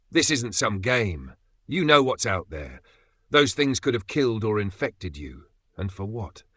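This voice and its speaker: A man voicing a frightened, protective middle-aged father who shouts stern warnings at his children. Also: fairly low pitch, no echo.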